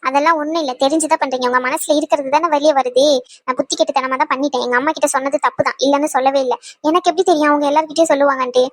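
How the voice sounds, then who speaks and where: A sulking young wife in a cartoon, voiced by a woman, reproachful and indignant toward her husband. Her voice is high, and her words pour out very fast. The recording is dry and close. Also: fairly even intonation, dry recording, lightly acted. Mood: hurt. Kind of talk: cartoon voice acting.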